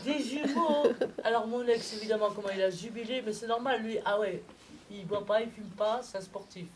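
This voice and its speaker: A woman's voice: medium pitch, brisk, a little hiss or hum. A middle-aged woman from France doing a chatty stand-up comedy set, acting out bits of dialogue. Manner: chatty, animated storytelling, acts out dialogue. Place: comedy club stage. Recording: comedy club with loud audience laughter. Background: audience laughing.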